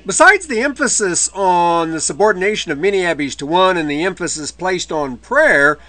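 A man's voice: sits high, lively intonation, normal speed, bright, forceful tone. A man giving a recorded history lecture, explaining in a conversational way with dry asides and occasional mid-word self-corrections.

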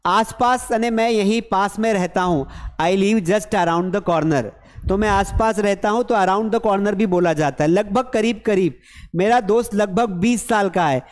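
Speaking a little slowly in a voice that sits high, a young man leads a casual live English session online from a classroom with a blackboard. He uses a headset mic, switches between Hindi and English, and keeps up an animated, joking banter with viewers.

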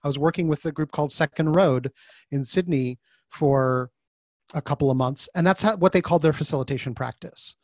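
Man, podcast guest, casual and animated, slightly higher voice, dry close sound. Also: fairly quick, no echo. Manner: animated, acts out quoted voices mid-story. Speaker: podcast guest, author and design facilitator. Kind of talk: casual conversational interview. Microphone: video call.

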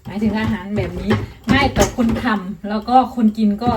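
A woman's voice: mid-range voice, a little fast, far from the mic, very noisy. A woman chatting casually to her viewers as she cooks at home, addressing them as family. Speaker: vlogger. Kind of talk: casual chat while cooking. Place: home kitchen.

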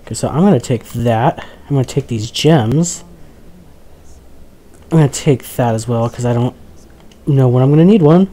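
A young man giving casual, chatty let's play commentary, joking with his viewers and reacting out loud as he plays. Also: mid-range voice, normal speed, long pauses. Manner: chatty, jokey, talks to the viewers, easily startled. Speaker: gaming commentator.

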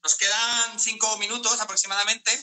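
A man's voice: sits high, level tone, normal speed, sharp tone. A man hosting a live interview, talking casually and enthusiastically, making announcements to the audience.

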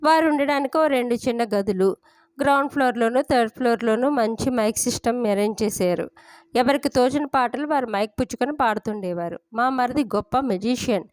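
Woman narrator, first-person audio story, slightly high pitch, dry booth sound. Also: brisk, a little mellow, dry recording.

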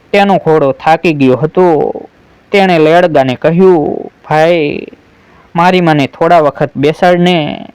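A man narrating a folk tale in an unhurried storytelling manner, reading every character's lines in his own voice. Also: a little high, darkish tone, clean tone, no echo.

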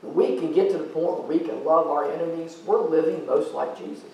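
A fairly high, creaky, slightly mellow male voice belongs to a middle-aged American pastor preaching a little fast in a folksy, conversational way with fillers. He paces and gestures on the sanctuary stage, and the lo-fi recording comes from a distance in a very echoey church.

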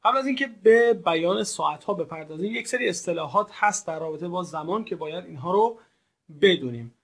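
High-voiced man teaching slowly. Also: animated. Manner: slow, drawn-out model words for repetition; polite, formal address to learners. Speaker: language teacher. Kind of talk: recorded language lesson.

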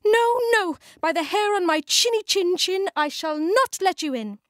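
A woman voicing small, frightened but defiant little pigs in a high, squeaky voice. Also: expressive, moderate pace, a bit bright, no echo, studio quality.

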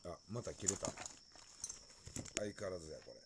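This man has a low-pitched voice and a Kansai Japanese accent, speaking at normal speed over heavy background noise. He's on a late-night phone live stream, chatting loosely, greeting viewers and laughing a lot.

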